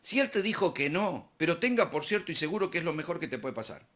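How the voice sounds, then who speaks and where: A middle-aged preacher with an Argentine Spanish accent and a fairly high voice. He talks to his congregation in a conversational tone, posing questions and then answering them himself. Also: big pitch swings, fast talker, a bit bright. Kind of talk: sermon.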